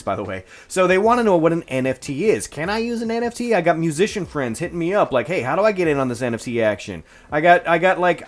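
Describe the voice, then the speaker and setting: Chatty excitable man hosting crypto news. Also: medium pitch. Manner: chatty, excitable, lots of fillers and asides. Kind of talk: casual solo news vlog.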